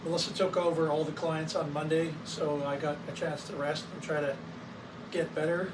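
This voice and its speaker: A hoarse man recovering from a cold runs a wellness clinic and talks casually to camera about its equipment in an educational way. His slightly high voice moves at normal speed, broken by many fillers and coughs between sentences. The mic sits at a distance, with steady background noise clearly audible.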